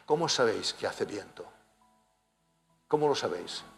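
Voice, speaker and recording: A gravelly-voiced man preaches, dropping to calm explanation and then rising into forceful, emphatic appeals. His voice rings with a long reverb through a church hall, with soft music faint behind him. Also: on the low side, normal speed. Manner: swings from quiet explaining to loud emphatic bursts. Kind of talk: sermon.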